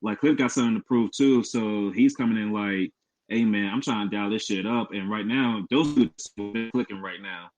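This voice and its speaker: A man's voice: lowish voice, moderate pace, a little mellow, faint music behind. A man co-hosting a podcast, talking sports in a laid-back, casual way and often repeating himself. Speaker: podcast co-host. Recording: muffled lo-fi podcast audio.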